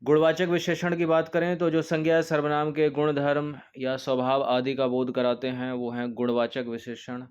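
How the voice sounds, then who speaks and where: A man's voice: mid-range voice, clear, resonant tone, dull audio. A male coaching teacher walking through an exam test paper, explaining each answer step by step and repeating key points. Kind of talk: test-paper walkthrough lesson.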